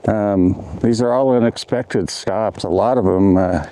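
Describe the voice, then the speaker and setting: A man's voice: on the low side, measured pace, warm tone, no room sound, rough recording. A man narrating a travel vlog in a laid-back, conversational way. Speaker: travel vlogger. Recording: faint wind and background noise.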